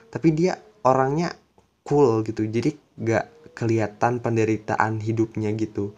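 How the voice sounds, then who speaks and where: A man telling a personal story in a casual, confiding, halting way. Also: mid-range voice, darkish tone.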